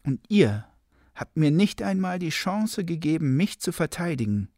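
A man's voice: on the high side, sing-song, normal speed, darkish tone, dry recording, pitched above the performer's own voice. A man voicing Hildegard, a proud noblewoman turned healer who speaks with cold, commanding reproach, in a read-aloud German legend with a dry, close sound. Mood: reproachful.

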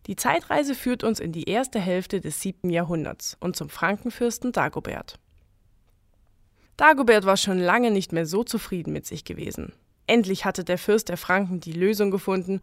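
A woman's voice: medium pitch, no echo. Woman narrating a legend, dry sound. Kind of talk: scripted storytelling narration.

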